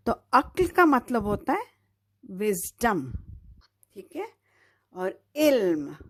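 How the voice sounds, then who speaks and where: A woman from Pakistan leads a children's Urdu phonics lesson, drawing out each syllable slowly and clearly. Her voice sits a little high, and she keeps pausing to check the learner is following. The delivery is unhurried and patient throughout. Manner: slow, patient, drawn-out syllables with repeated checks of "theek hai". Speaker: Urdu teacher.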